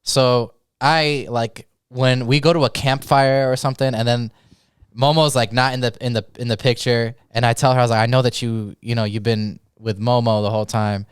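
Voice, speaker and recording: A young man co-hosting a podcast, telling a story in casual chat with lots of laughing and mimicked shouts. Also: mid-range voice, steady tone, normal speed, clean tone, dry recording, clean studio sound. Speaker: podcast co-host.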